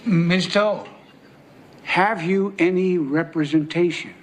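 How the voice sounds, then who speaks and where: A man playing a brisk, impatient judge in a TV courtroom drama, formal and projecting. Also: high-pitched. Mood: formal, questioning.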